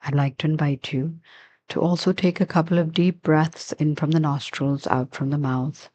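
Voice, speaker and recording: This is a woman guiding a meditation session, her instructions calm and unrushed with long pauses. She speaks in a low register with a steady tone.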